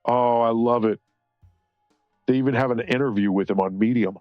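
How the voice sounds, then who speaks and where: A man's voice: medium pitch, fairly even intonation, normal speed, no room sound. A man streaming while he colors, chatting casually, rambling and swearing, often laughing and reading chat aloud. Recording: slightly dull sound, faint music behind.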